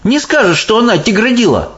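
A high, wildly swooping little girl's voice, bold and quick to object, as a man puts her on. Muffled audiobook sound with faint music underneath. Storybook telling. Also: big pitch swings, a bit bright. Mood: eager. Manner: quick to protest, eager. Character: brave, indignant young orphan girl.

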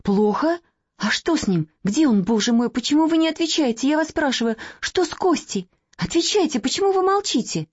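A woman's voice: high-pitched, lively intonation, brisk, dry recording, voice pushed up. A woman voicing a distraught young woman who fires off anxious, demanding questions. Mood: frantic. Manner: frantic, pleading questions. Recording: dry, slightly dull recording.

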